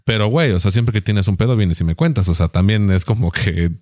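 A man's voice: on the low side, darkish tone, no room sound, studio quality. A young man with a Mexican accent in a casual, blunt and slangy chat, teasing his friends. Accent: Mexican Spanish. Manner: blunt, slangy and profane, quick to mock friends.

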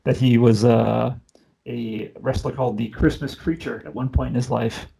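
A man's voice: medium pitch, fairly even intonation, moderate pace, gravelly, warm tone. A man hosting a podcast in casual chat, joking and rambling with side notes. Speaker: podcast host.

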